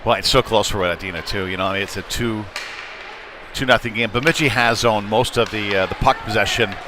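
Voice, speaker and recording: With a voice on the low side and a fairly quick delivery, a play-by-play commentator narrates a youth ice hockey game live in homespun, colloquial language, with rink sounds plainly heard behind him.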